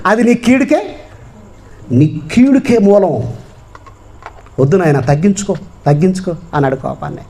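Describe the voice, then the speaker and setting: A man's voice: high-pitched, expressive, normal speed, creaky, long pauses, dark tone. A male pastor with a Telugu accent delivers a sermon in a slightly raised voice, driving his points home by repeating phrases. He preaches with emphasis and pleading urgency.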